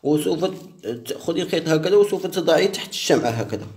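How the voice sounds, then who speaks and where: A man from Morocco, a sheikh, giving slow step-by-step instructions and repeating each phrase as he dictates. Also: a little high, expressive, darkish tone, a little hiss or hum. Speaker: sheikh teaching a ritual.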